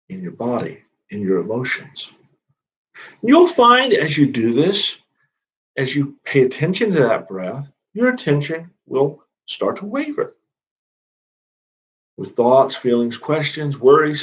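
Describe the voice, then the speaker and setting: A man working as a spiritual counselor, giving calm, measured guided meditation instructions in a gently inviting way. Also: mid-range voice, lo-fi sound.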